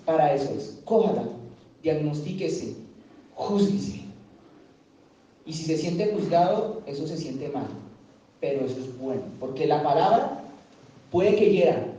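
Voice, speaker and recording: A man's voice: on the high side, expressive, unhurried, pauses often, dark tone, slight background noise. A man preaching a sermon in a church, talking with the congregation and asking them questions. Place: church hall. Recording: echoey, distant, dull church recording.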